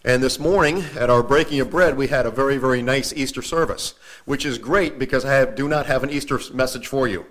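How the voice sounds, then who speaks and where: A man preaching a sermon, mixing folksy stories with slow, careful readings of scripture and correcting himself as he goes. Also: mid-range voice, a bit bright. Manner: homespun asides and self-corrections, slows for scripture reading.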